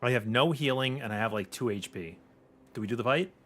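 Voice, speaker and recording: A man's voice: medium pitch, a little fast, a bit bright. A man giving casual, slangy gameplay commentary as a chatty game streamer.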